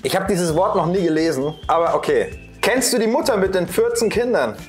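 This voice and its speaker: A man's voice: high voice, expressive, fairly quick, faint music behind. A man in his thirties chatting casually and telling jokes as a contestant in a comedy challenge. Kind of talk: casual banter and joke telling. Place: indoor bar-style studio with a small audience. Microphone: clip-on lavalier.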